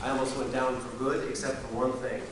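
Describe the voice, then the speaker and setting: Man, wry memorial speech, halting with fillers, distant mic, booming hall. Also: flat delivery, heavy background noise. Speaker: eulogy speaker, science reporter. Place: community hall memorial gathering.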